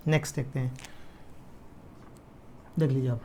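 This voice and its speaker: A man's voice: mid-range voice, steady tone, dark tone, a little hiss or hum. Chemistry teacher, man. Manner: repeats key terms slowly, asks students "clear?". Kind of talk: casual classroom lecture.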